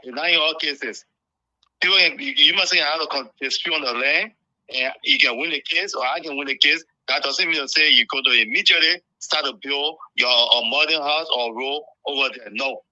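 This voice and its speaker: A Liberian man phones in to a talk show, his voice very bright and forceful. He is earnest and repeats phrases as he builds his argument, and the dull, lo-fi call takes the edge off the sound. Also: on the high side, a little fast. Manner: earnest, repeats himself while making a point. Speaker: caller.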